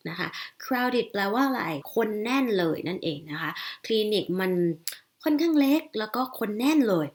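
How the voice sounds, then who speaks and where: A Thai woman English teacher with a Thai accent, reading a short story very slowly and then explaining its words in Thai. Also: fairly high pitch, lively intonation. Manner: slow, careful read-aloud with frequent Thai explanations.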